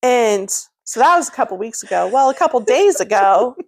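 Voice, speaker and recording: Thirties woman podcast co-host, brightly pitched, swoopy delivery, laughs through her comic storytelling. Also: a little fast. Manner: animated, acts out quoted lines with big pitch jumps; frequent laughter while talking.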